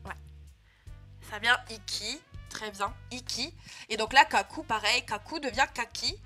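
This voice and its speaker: A young woman leads a live online class and walks her students patiently through grammar, pausing to check in with them. Her voice is bright and sits a little high. Soft music plays faintly underneath. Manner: patient, clear explaining with frequent "euh" and "hein" checks. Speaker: Japanese teacher. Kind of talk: live online language lesson.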